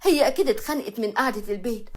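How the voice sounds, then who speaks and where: A woman voicing a kind middle-aged mother-in-law with an Egyptian accent, gentle and soothing. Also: on the high side, rapid-fire, close to an everyday voice.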